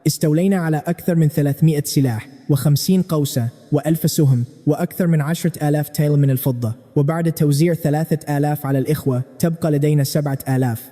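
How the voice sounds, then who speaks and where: Fast dark-voiced male story narrator. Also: a little high. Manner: steady, dramatic storytelling. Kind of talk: first-person scripted narration. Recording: long hall reverb.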